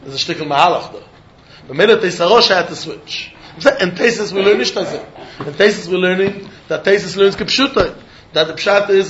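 A man's voice: very high-pitched, fairly bright tone, a little hiss or hum. A man with a Yiddish accent teaching a religious text lesson in a sing-song pattern of questions and answers. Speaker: Talmud teacher. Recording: echoey room.

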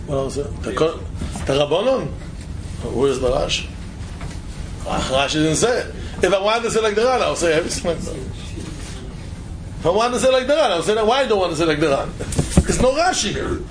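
A man's voice: high voice, lively intonation, a little fast, long pauses, noisy background. A man with lecturing informally as a Talmud teacher, asking rhetorical questions and repeating phrases for emphasis.

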